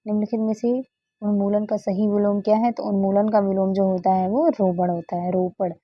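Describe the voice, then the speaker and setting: A woman's voice: mid-range voice, little pitch movement, brisk, husky, dry recording, highs cut off. A woman tutor going through exam questions one by one, repeating key answers patiently and moving on with short fillers. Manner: frequent "ठीक है" and "okay, next है" fillers.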